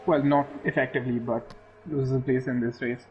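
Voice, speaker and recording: A man's voice: medium pitch, level tone, brisk, lo-fi sound. Guy co-commentating motorsport, chatty race calls, bit of background noise. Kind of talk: live sim racing commentary.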